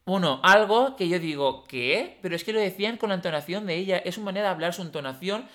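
A young man co-hosting a podcast in casual chat, animated and jokey, often laughing. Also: high-pitched, fast talker. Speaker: podcast co-host.

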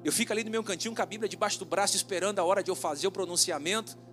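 High-voiced male pastor telling a dramatic story. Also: fairly bright tone, soft background music. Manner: dramatic storytelling, slowing down for emphasis. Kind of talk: sermon.

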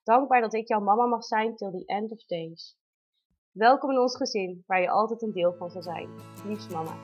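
A woman's voice: mid-range voice, normal speed, soft background music. A woman in her thirties reading aloud a heartfelt personal letter about giving birth, in an intimate, tender way. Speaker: mother telling her birth story. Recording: dull lo-fi recording.

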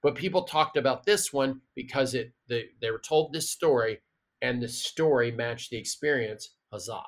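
A man, a guest expert, explaining in a lively and chatty way with stories and asides. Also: medium pitch, normal speed. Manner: animated storyteller, chatty asides. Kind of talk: casual explaining in an interview.

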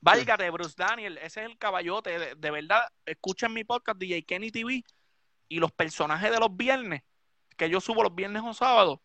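A man's voice: high-pitched, moderate pace, sharp tone, no room sound. A Puerto Rican man, a DJ hosting a live stream, ranting drunk and swearing heavily. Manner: profane, heated, repetitive ranting.

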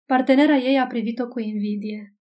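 Brief: female audiobook narrator, measured literary reading, warm, dark-toned voice. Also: a little high, steady tone.

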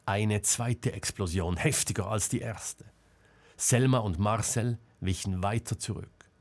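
A man reading a novel aloud as an audiobook narrator, measured and dramatic. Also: lowish voice. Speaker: audiobook reader.

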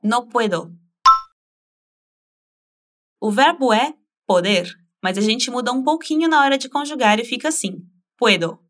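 In a voice on the high side, a woman teaches a spoken language lesson. She patiently models phrases at a slow pace so the listener can repeat them.

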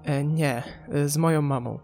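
A man's voice: a little high, fairly even intonation, a little slow, a little mellow, faint music behind. A man voicing a cool, guarded woman who is protective of her mother, in an audiobook. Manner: cool and curt.

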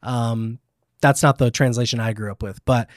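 A man's voice: mid-range voice, steady tone, normal speed, no echo, studio quality. A man hosting a casual faith podcast, talking emphatically with fillers and restarts. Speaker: podcast host.

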